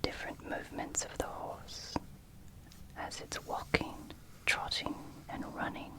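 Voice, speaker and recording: An ASMR host speaking in a soft, unvoiced library whisper, gently reading and commenting on a book in short phrases with pauses.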